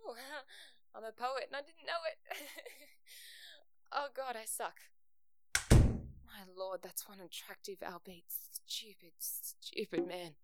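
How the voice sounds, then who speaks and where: A woman voicing a flustered young radio co-host with a crush, giggly and quick to get rattled. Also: sits high, animated, bright, forceful tone.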